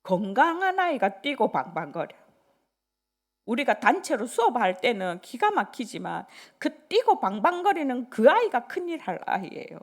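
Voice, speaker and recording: An older woman pastor preaching a sermon in an animated, conversational way, dropping into whispers between loud bursts. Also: fairly high pitch, normal speed.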